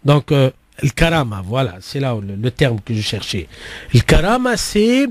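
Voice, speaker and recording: A man's voice: medium pitch, big pitch swings, moderate pace, dry recording. A man hosting an Islamic radio phone-in, explaining conversationally, repeating words and mixing in Arabic phrases. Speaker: radio host and Islamic teacher.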